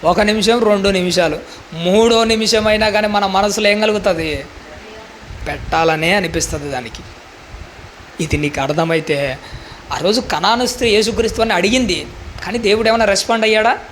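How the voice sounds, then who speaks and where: A man's voice: high voice, fairly quick, long pauses, a bit bright, slight background noise. A male preacher giving a sermon in a fervent, pleading manner, full of rhetorical questions.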